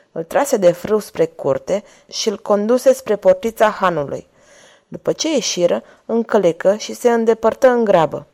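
A woman narrating a chapter of an audiobook in a steady, measured reading. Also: mid-range voice.

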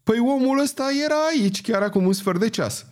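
A male audiobook reader voicing a stout, self-important innkeeper woman who chatters excitedly. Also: mid-range voice. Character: bold stout female innkeeper, boastful chatterer.

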